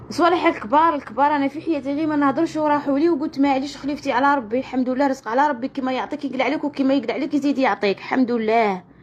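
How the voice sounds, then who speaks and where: Algerian woman, western accent, crying and venting on her vlog, high voice, muffled lo-fi audio w noise. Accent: western Algerian Arabic. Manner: tearful, anguished venting, repeating phrases. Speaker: online video creator. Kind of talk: emotional personal vlog. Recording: dull lo-fi sound with loud-ish noise.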